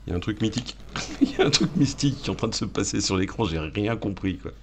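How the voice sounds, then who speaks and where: A man with a low, gravelly voice gives running commentary as he plays an arcade shooter. He is excitable and joking, talks back to the game and his viewers, and a faint hiss sits under the recording. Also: fast. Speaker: gaming channel host. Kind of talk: live let's-play commentary.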